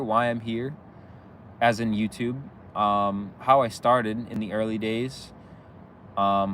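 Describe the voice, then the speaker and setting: This young man's voice sits on the low side with a fairly bright tone, and there's slight background noise. He's a YouTuber live streaming on his phone outdoors, across the street from a police station, sniffly from a slight cold. Laid-back and rambling, he says "like" and "bro" constantly and laughs easily with viewers.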